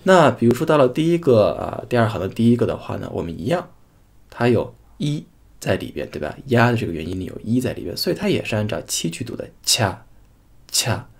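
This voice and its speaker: A man teaching a pronunciation lesson, saying each sound twice in slow, drawn-out demonstrations. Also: medium pitch, very animated, gravelly, darkish tone. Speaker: language teacher.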